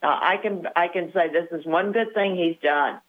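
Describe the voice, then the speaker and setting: Over a tinny phone line, a woman in her sixties who works as a Medicare advisor explains things matter-of-factly as a guest on a phone-in interview. Her voice is fairly low in pitch, and her pace is moderate.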